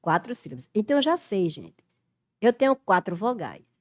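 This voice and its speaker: Middle-aged Brazilian woman, lively Portuguese teacher reasoning aloud through exam questions. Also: mid-range voice, moderate pace. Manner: animated, thinks aloud, spells letters out. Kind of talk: exam-prep lesson, working through questions.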